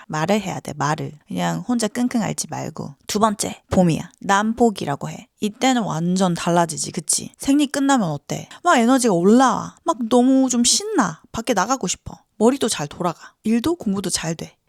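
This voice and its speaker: A woman health coach explaining in a casual, chatty way, talking informally to viewers, asking quick check-in questions, and often dropping into whispered asides. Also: mid-range voice, vocal fry, no echo, studio quality. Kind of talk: casual explainer talk to camera.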